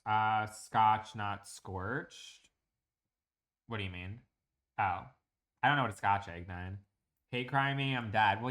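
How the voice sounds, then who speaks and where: A man's voice: lowish voice, a bit bright. A young man chatting casually while streaming a building game, ranting in crude, profane comic bits and reacting to chat.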